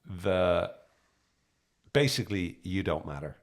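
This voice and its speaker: A man's voice: sits low, lively intonation, takes it slowly, creaky. A man hosting a casual podcast chat with a teasing, dryly humorous manner. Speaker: podcast host.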